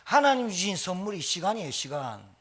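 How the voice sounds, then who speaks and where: A man's voice: high-pitched, brisk. A middle-aged male pastor giving an emphatic sermon with the odd joke. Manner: animated, emphatic preaching with jokes.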